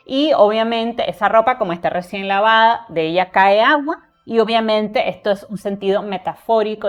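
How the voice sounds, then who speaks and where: A woman teaching a poetry lesson, explaining patiently and often checking in with her listeners. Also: mid-range voice. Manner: explanatory, checks in with frequent rhetorical tags; counts syllables aloud slowly. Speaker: literature teacher.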